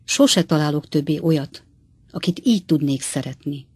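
A woman voicing a lively, quick-tempered widowed innkeeper in an audiobook, raised and louder than her narration. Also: husky, no room sound, clean studio sound. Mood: wailing. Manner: higher, louder, flirtatious then tearful. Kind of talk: audiobook character voice.

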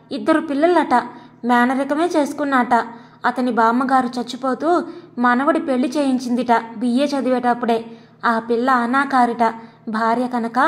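A woman's voice: fairly high pitch, natural voice. Woman reading as a bitter wounded aunt.

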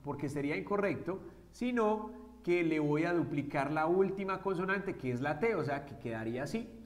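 A man's voice: a little high, lively intonation, moderate pace. A man teaching an English grammar lesson to Spanish speakers, explaining step by step and often checking with short questions. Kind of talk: classroom-style grammar lesson.

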